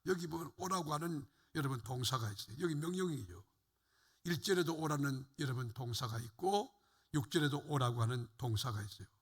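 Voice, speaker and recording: A man's voice: mid-range voice, animated, a little fast, breathy edge. An older man, a pastor, preaching a fervent sermon to his congregation in a church sanctuary. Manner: fervent preaching, rising and falling emphasis, addresses congregation. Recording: long hall reverb.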